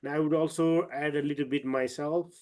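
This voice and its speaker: A man from eastern Nepal, a trekking guide, talks on a video call in a slightly high voice. He speaks haltingly, full of fillers and restarts. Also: steady tone, darkish tone. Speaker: trekking guide and company owner. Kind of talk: online webinar talk.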